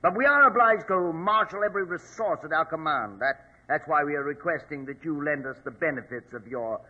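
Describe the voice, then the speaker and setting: An actor in a 1940s radio drama playing an agitated, pompous police inspector with a nervous, oratorical delivery. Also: male voice, fairly high pitch, fairly quick, natural voice. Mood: worried, earnest. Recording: dull, lo-fi old radio recording.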